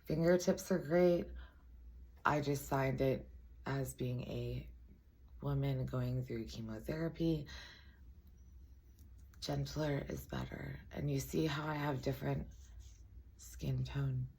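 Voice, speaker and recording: A woman with a raspy voice giving a casual makeup tutorial, chatty and full of self-deprecating asides. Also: a bass voice, lively intonation, slow, pauses often, a little mellow.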